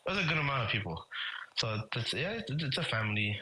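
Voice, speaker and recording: Podcast co-host, man, Southern Californian accent, rambling storyteller with lots of restarts and swearing, bright voice, faint noise behind. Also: mid-range voice, big pitch swings, low-quality recording. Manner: rambling, profane, halting with many restarts. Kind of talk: casual chat, storytelling.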